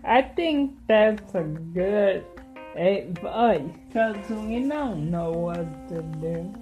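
Very slow-talking woman guest in casual chat. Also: mid-range voice, lively intonation, darkish tone. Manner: brief, plain-spoken answers. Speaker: interview guest, the host's sister. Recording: music playing behind the voice. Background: plucked guitar music.

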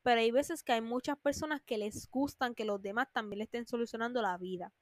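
A woman hosting a podcast, animated, acting out whiny friends in a higher voice. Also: a little fast, dry recording, studio quality. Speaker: podcast host. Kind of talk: casual monologue.

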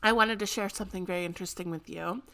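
A young woman co-hosts a casual podcast with a sharp, bright tone. She talks in an excitable, chatty way and laughs easily. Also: medium pitch, fast, gravelly. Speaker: podcast co-host. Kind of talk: casual chat.

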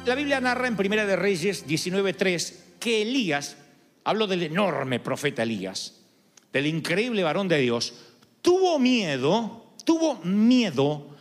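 A man's voice: sits high, animated, moderate pace, fairly bright tone. A man preaching a sermon, telling a story dramatically and adding humorous asides. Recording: long hall reverb.

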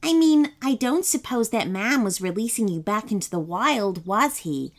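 A woman's voice: mid-range voice, expressive, moderate pace, natural voice. A woman voicing an anxious, polite young boy in a children's story, earnest and fretful. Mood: worried. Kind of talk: storybook read-aloud.

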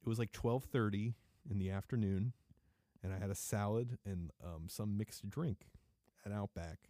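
Casual chat guy rambling and laughing, kinda low voice, dead dry mic. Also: warm tone, no echo. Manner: rambling, laughs a lot, halting restarts. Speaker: podcast co-host.

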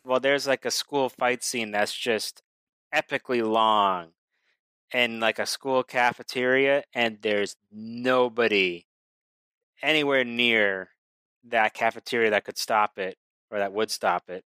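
A man co-hosting a casual movie chat, laid-back and wry with deadpan asides. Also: mid-range voice, a little slow, clean tone, no room sound. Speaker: podcast co-host.

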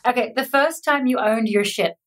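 A woman interviewer asking quick-fire questions in a brisk, prompting manner. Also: fairly high pitch, a bit bright.

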